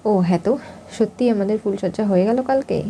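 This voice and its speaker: A woman's voice: medium pitch, brisk, dark tone, slight background noise, close to an everyday voice. A woman doing a dazed, gullible young husband. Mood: confused. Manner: confused.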